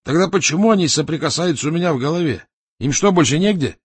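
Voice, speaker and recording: A man reading an audiobook, voicing a stubborn middle-aged warlord who questions in a deliberate, insistent way with a husky voice. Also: mid-range voice, very animated, dry recording, pitched above the performer's own voice, exaggerated voice.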